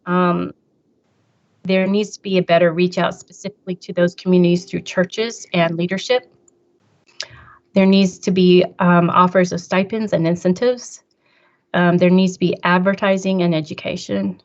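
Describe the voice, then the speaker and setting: A woman giving a slide presentation, halting with fillers and restarts, her volume rising and dropping as her mic cuts in and out. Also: fairly low pitch, level tone, darkish tone, no room sound. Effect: uneven volume from a mic cutting in and out. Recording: dull lo-fi online call audio.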